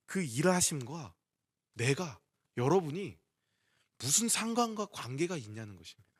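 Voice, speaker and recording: A man's voice: sits high, sharp tone. A young man preaching an earnest dawn prayer sermon, putting rhetorical questions to the congregation.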